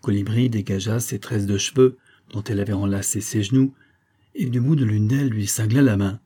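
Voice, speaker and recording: A man reads a classic story aloud at a measured, even pace. His voice is low, mellow and slightly husky. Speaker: audiobook narrator. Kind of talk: scripted literary narration.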